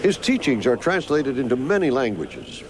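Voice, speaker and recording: A man's voice: mid-range voice, huge pitch swings, normal speed, over a noisy crowd, poor audio. A man reading scripted documentary narration as the film's narrator. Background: music.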